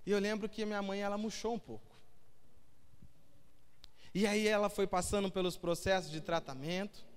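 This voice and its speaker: Very high-voiced man preaching in a hall. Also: little pitch movement, moderate pace, smooth. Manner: emotional, storytelling with quoted dialogue. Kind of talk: sermon testimony. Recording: hall reverb with faint music.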